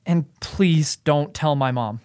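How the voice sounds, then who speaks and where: A man's voice: a little high, slow pace, darkish tone, smooth. A young man in a student radio drama playing a shy, anxious teenage boy who stammers and pleads. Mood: pleading. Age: young adult. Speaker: nephew.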